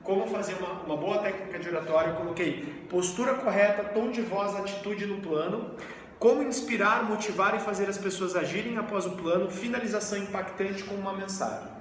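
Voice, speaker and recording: A man in his thirties from Brazil, giving a lively live training talk and asking the audience questions. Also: high-pitched, brisk. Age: 30s. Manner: energetic, asks the audience questions. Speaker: network marketing trainer. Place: event room with audience. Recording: echoey hall, mic far off, faint hiss.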